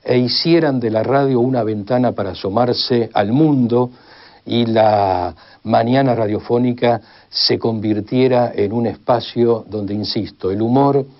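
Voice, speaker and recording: A radio history commentator with an Argentine accent explains things formally at a measured pace and medium pitch. His long sentences unfold as enumerations, and the audio is slightly dull and band-limited.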